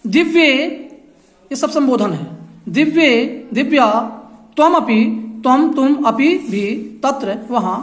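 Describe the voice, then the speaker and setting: A woman teacher giving a classroom grammar lesson, repeating phrases slowly and quizzing the class. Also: sits high, animated. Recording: echoey classroom.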